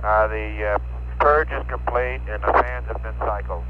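A man's voice: on the low side, normal speed. A man, an astronaut, giving terse, clipped status reports to mission control over a crackly spacecraft radio link. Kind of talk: air-to-ground radio communication. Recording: muffled radio link with faint static.

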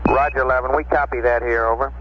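A man working as a mission control communicator, speaking over a radio link in brisk, matter-of-fact procedure. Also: mid-range voice, fairly even intonation. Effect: voice heard over a radio link. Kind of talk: space-to-ground radio exchange. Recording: muffled lo-fi radio with faint hiss.

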